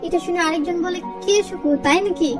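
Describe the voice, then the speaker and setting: A woman narrating a film recap, reading out every character in brisk storytelling. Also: very high voice, steady tone. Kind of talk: fast movie recap narration. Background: background music.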